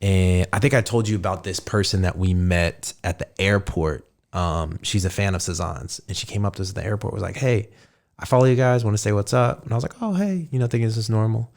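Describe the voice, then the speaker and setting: A man's voice: lowish voice, a little fast, creaky. A man in his thirties, a podcast host telling a story in casual chat and acting out the people in it with raised voices. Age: 30s. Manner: animated storyteller, acts out quotes in raised voices.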